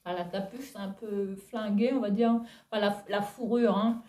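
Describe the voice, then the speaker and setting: A woman's voice: medium pitch, fairly even intonation, moderate pace, darkish tone. Woman from Réunion, casual fashion vlogger at home, chatty, lots of fillers and laughs. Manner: chatty, addresses viewers as "les filles", frequent fillers and laughs. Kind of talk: casual haul video chat. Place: home, her apartment.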